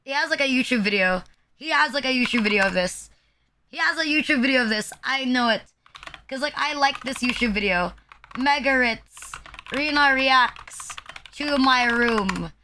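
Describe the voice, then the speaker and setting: A woman's voice: high voice, brisk, noisy background. A young woman streaming live, chatting casually and bluntly, rambling with lots of "like" and crude jokes. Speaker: VTuber streamer.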